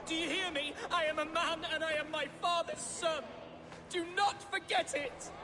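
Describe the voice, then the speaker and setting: A man's voice: extremely high pitch, steady tone, moderate pace, long reverb tail, over music. An actor playing a grief-stricken, proud young nobleman in a video game, crying and choked as he speaks. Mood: defiant. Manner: choked, wavering, anguished.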